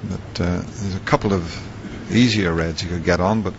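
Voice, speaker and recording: A man giving measured, understated live commentary on a snooker match. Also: deep voice, steady tone. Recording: dull, noisy TV broadcast audio.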